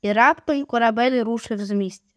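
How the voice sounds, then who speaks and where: A woman reading a children's adventure audiobook, voicing the children's shouts herself, with occasional stumbles. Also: on the high side, fairly quick, no room sound, studio quality. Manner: reads steadily, raising her voice for the children's shouted lines. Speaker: audiobook reader. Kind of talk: audiobook narration with voiced dialogue.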